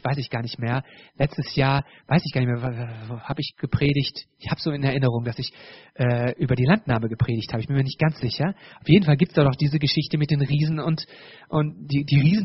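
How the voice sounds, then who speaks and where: Husky preacher man giving a sermon. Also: on the high side, dry recording, lo-fi sound. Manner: direct, addresses the congregation, many restarts. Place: church.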